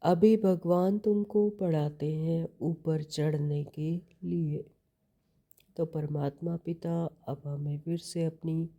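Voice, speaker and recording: A spiritual teacher explains a daily scripture reading in a devotional sermon, her voice low, dark and mellow. She speaks slowly and patiently, repeats key phrases, and poses rhetorical questions along the way.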